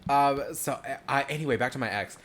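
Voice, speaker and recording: Brisk and blunt, a young woman with a Southern accent shares candid stories as a podcast co-host, laughing frequently amid big swings in pitch during a casual conversation. A faint hiss or hum runs under the recording.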